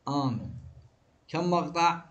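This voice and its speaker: A man with an Iraqi Arabic accent teaching an exam review, firing quick questions and answering them himself. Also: a little high, big pitch swings, a bit bright, lo-fi sound, a little hiss or hum. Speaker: English teacher.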